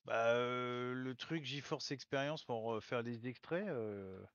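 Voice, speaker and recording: A man's voice: mid-range voice, takes it slowly, fairly bright tone, lo-fi sound, slight background noise. A man chatting casually with his gaming squad, teasing and joking in loose banter. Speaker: gamer in a voice-chat squad.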